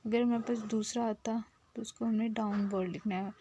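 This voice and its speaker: A woman's voice: fairly high pitch, fairly even intonation, brisk, warm tone, breathy edge, highs cut off. A woman teaching shorthand step by step, patiently repeating herself and sometimes dropping to a near whisper as she writes. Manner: patient, repeats "theek hai" often, drops to a near whisper while writing. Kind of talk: step-by-step lesson, mixing Hindi and English.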